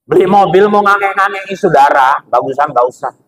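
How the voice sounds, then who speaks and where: Lively preacher in a mosque. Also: male voice, sits high, fairly quick, slight background noise, poor audio. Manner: animated storytelling that acts out everyday dialogues. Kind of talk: comic sermon. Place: mosque gathering.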